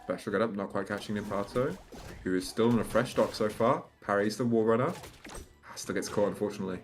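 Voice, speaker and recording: A man's voice: lowish voice, fast, faint music behind. A young man calling play-by-play at a fighting game tournament, explaining the action and slipping in puns. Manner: analytical play-by-play, fond of puns. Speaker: esports commentator. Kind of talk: live tournament commentary.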